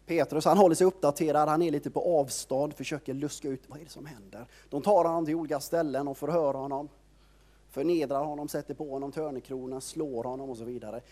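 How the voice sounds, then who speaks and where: Mellow-voiced man retelling scripture casually. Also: on the high side, fairly even intonation. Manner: conversational storytelling, constant filler words. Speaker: preacher. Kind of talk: informal sermon retelling a Bible story.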